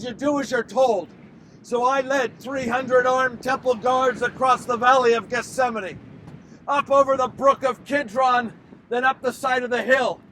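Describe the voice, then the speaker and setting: An actor playing a guilt-ridden, tormented Judas in an impassioned theatrical biblical monologue, with dramatic pauses. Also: male voice, extremely high pitch, a little hiss or hum, poor audio. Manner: impassioned, dramatic pauses, swings from hushed to shouting. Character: Judas, tormented, guilt-ridden betrayer, adult man, damned and remorseful.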